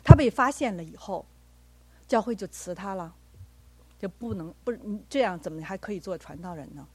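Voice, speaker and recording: A woman's voice: medium pitch, expressive, brisk, slightly rough, no echo. A woman preaching a sermon with personal stories, speaking earnestly and acting out the dialogue she quotes.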